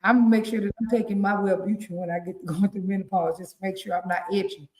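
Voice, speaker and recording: Animated country-accented woman, roomy echo. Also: medium pitch, fast talker. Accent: rural Southern US. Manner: animated, laughing, preachy advice-giving. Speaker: relationship coach co-hosting a morning show. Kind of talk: casual live-stream talk show.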